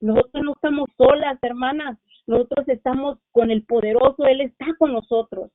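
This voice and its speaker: A middle-aged woman gives a fervent religious testimony and keeps calling out to her sisters as she speaks. Her voice sits a little high. The sound is dry and tinny, like a phone call with no room around it. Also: steady tone, normal speed, dry recording. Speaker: church member giving testimony.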